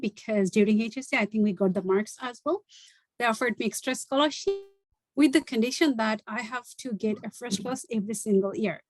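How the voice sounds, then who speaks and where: Over a low-quality video-call recording with no echo, a Bangladeshi woman in her late twenties speaks in a slightly high voice. As a guest speaker, she delivers an earnest talk online, slipping between Bangla and English mid-sentence.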